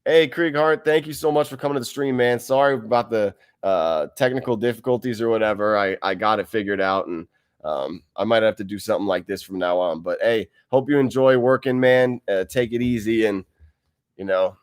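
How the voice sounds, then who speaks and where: A man hosts a casual livestream from a wide room at home, sitting close to a desk mic as he reads viewer comments. Laid-back, he rambles and laughs often. His voice is on the low side, smooth, and a little fast.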